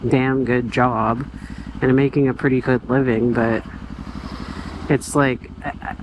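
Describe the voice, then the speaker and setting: Driving along the road, a young man vlogs from his car, casually venting in a quiet, reflective way that's hesitant and rambling, full of fillers and restarts. His voice is mid-range, and the rough recording carries road and engine noise behind him.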